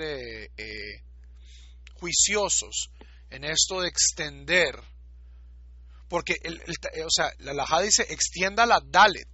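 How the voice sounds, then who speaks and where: A man's voice: fairly high pitch, sharp tone, slightly rough, dry recording. Man teaching. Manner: explanatory, repeats words to demonstrate pronunciation. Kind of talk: recorded lecture. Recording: dull lo-fi lecture recording.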